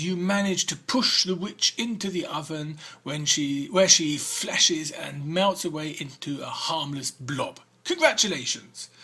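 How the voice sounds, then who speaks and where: A man's voice: a little high, gravelly, sharp tone, slightly rough. A man hosting a game walk-through, reading the game's text aloud between hesitant comments full of fillers. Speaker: let's-play host.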